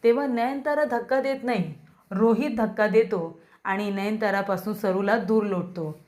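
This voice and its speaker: A woman's voice: mid-range voice, normal speed, darkish tone. A woman narrating a recap of a TV serial episode and addressing viewers directly.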